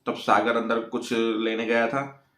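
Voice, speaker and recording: A man at an ordinary mid-range pitch retells a serial episode in a chatty way and sometimes slips into the characters' lines. The room is roomy and echoey. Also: completely flat delivery, unhurried, fairly bright tone. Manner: storytelling, briefly acting out the characters' lines. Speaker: TV serial recap host. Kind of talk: casual episode recap.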